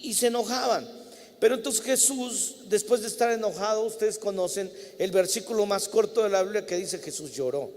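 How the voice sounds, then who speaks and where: A Mexican pastor preaches with a fairly high voice, acting out the voices in his stories with lively emphasis. His sermon carries a long reverb through a church hall. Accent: Mexican Spanish. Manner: storytelling, acting out biblical dialogue with lively emphasis. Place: church sanctuary.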